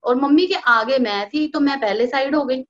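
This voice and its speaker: A young woman tells a personal devotional story in a casual, lively way, acting out the lines of the people in it. Her voice sits high. The recording sounds dull and lo-fi. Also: moderate pace. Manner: animated storytelling, acting out quoted dialogue. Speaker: devotee sharing a personal experience. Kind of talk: casual spoken testimony.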